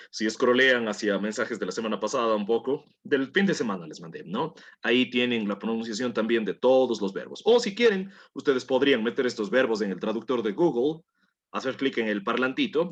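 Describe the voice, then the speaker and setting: A man's voice: medium pitch, fairly bright tone, highs cut off. A man teaching a language class, patiently coaxing students through pronunciation drills and repeating words for them to copy. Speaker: English teacher.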